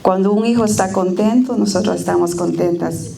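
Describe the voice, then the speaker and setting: A woman's voice: medium pitch, brisk, vocal fry, a crowd in the background. A middle-aged woman giving a personal testimony and prayer at a church service, tender and plainspoken with frequent hesitations. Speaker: church member giving a reflection.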